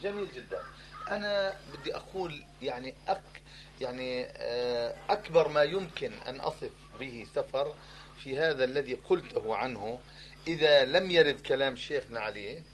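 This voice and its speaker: A man's voice: mid-range voice, lively intonation, moderate pace, slight background noise, low-quality recording. A man pressing questions in a heated religious discussion, insistent and argumentative, repeating himself to drive his point home.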